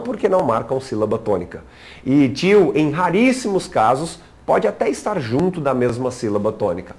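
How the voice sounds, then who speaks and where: A man's voice: medium pitch, a little mellow. A man, teaching a grammar lesson in an explanatory way, asking rhetorical questions and checking in with the viewer. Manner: didactic, asks rhetorical questions and leans on "né".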